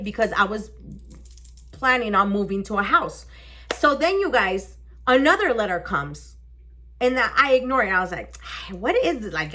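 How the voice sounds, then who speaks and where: A young woman vlogger telling a personal story in a casual, animated way, swearing often and acting out the people in it. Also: medium pitch. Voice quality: animated, swearing, acts out voices in her story.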